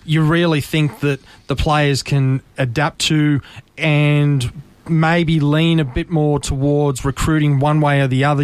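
A man's voice: on the high side, clear, resonant tone, dry recording. An Australian man hosting a conversational sports interview, asking long, wordy questions. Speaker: sports show host.

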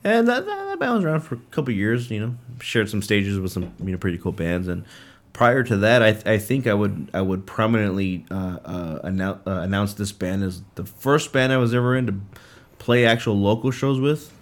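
Rambling low-voiced drummer in his late twenties. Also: lively intonation, brisk. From Southern California. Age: late 20s. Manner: rambling, filler-heavy, restarts often. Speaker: drummer in a band. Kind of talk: casual interview chat.

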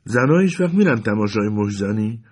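A man's voice: fairly low pitch, animated, husky. A man reading the part of a guarded, wistful farm wife in a story, asking short, clipped questions.

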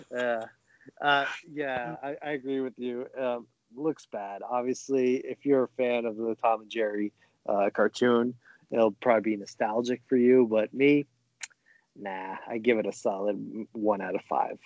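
A man co-hosting a casual podcast, speaking in a laid-back way, halting with many fillers. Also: medium pitch, steady tone, darkish tone, muffled recording. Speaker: podcast co-host. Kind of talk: casual chat.

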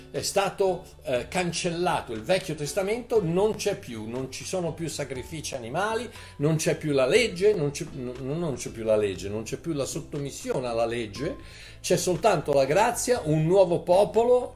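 A man preaching a sermon in an animated way, repeating phrases and rising into emphatic bursts. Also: a little high.

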